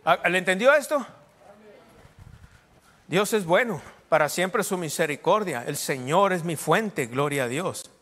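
A middle-aged pastor preaches a sermon in a casual, joking way, breaking into short prayers and amens along the way. His voice sits high with lively intonation and a measured pace, while soft instrumental music plays behind him.

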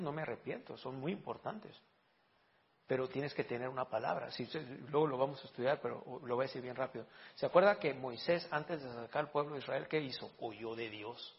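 A male pastor with a gravelly, creaky voice delivers a casual, conversational sermon. He keeps checking in with rhetorical questions and stumbles over repeated words. The recording sounds dull and lo-fi. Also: medium pitch.

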